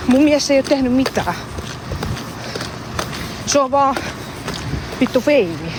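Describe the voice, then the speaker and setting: A woman's voice: sits high, animated, background noise. A woman live-streaming, talking to her chat in a heated, profane way and arguing back at them. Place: outdoors in a public place.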